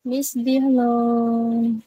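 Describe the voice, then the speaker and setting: A woman's voice: fairly high pitch, level tone, very slow, warm tone, a little hiss or hum. A Filipino woman live streamer with missing front teeth, chatting casually and playfully with her viewers. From Philippines. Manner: teasing, playful banter.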